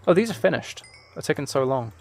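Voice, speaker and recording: Streaming a game live, a man talks fast in a mid-range, creaky voice with big pitch swings. He rambles casually through his commentary, often poking fun at himself.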